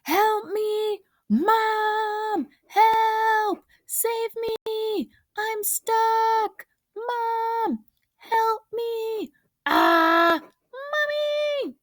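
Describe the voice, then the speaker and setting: A woman voicing a scared five-year-old boy who shouts in a high, shrill voice for his mother. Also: big pitch swings, a little slow, slightly rough, full character voice. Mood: panicked. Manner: high, shrill calling out from afar.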